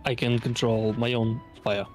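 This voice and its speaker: A man's voice: medium pitch, completely flat delivery, normal speed. A man talking casually as a player in a tabletop game. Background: background music.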